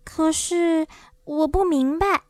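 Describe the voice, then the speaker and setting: A woman's voice: moderate pace, fairly bright tone, dry recording. Woman voicing a wide-eyed young girl. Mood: puzzled. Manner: high, wondering questions. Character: young girl, earnest and surprised.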